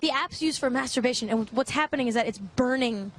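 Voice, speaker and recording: A woman's voice: sits high, fast, low-quality recording. A woman reporter conducting a mock news interview in an earnest, straight-faced way.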